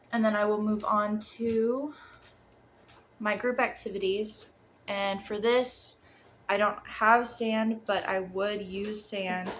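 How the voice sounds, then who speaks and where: A woman's voice: medium pitch, a bit bright. Young woman with stiff, sore-jawed speech. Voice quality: slightly muffled speech, stiff sore jaw. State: sore jaw after wisdom tooth removal. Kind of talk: informal lesson plan presentation. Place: apartment room. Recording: clear background room noise.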